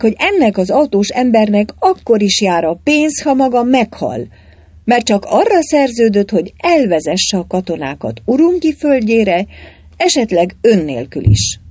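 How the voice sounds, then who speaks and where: A woman's voice: mid-range voice, a little mellow, slightly rough, dry recording, pitched above the performer's own voice. A narrator voicing a defiant young woman who leads a rebellion, fiery and commanding.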